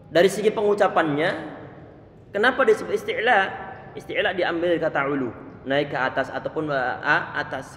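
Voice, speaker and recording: A man's voice: fairly high pitch, fairly bright tone, a little hiss or hum. A middle-aged man teaching Quran recitation, modelling letter sounds and stopping often to check that his student follows. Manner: frequent restarts on words. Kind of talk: tajwid lesson explaining letter sounds. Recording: echoey room with long reverb.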